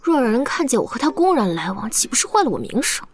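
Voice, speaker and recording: Brief: a scornful, imperious noble lady, high and animated. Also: fast talker, breathy edge. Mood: haughty. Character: haughty, vain young noblewoman.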